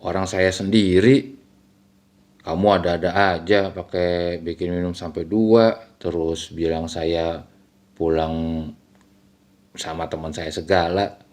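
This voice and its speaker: A man's voice: low-pitched, level tone, takes it slowly, long pauses, darkish tone, voice pushed down. Man telling as an earnest village husband. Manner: earnest, explaining, addresses listener directly.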